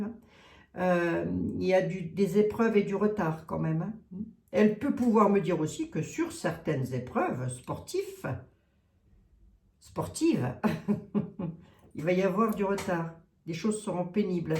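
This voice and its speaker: A woman with a Lorraine French accent reading tarot cards aloud, thinking out loud, questioning the cards and hesitating often. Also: medium pitch. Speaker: tarot card reader. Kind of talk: casual tarot reading monologue. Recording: roomy echo.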